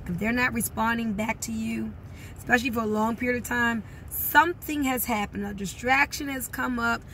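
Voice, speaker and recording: A woman's voice: on the high side, a bit bright, slight background noise. A woman giving a motivational talk as a network marketing coach, speaking directly to her viewers with emphatic encouragement.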